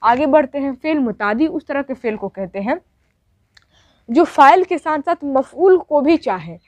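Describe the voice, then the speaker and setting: A woman's voice: high-pitched, lively intonation, normal speed, darkish tone, no room sound. A woman teacher giving a grammar lesson, asking questions and answering them herself, with lots of repetition. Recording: dull, dry lo-fi sound.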